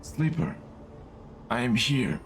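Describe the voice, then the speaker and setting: A man voicing a gentle, ancient male ship-mind navigator, speaking softly and slowly. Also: medium pitch, very animated, slight background noise. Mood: calm. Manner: soft, slow, gentle delivery.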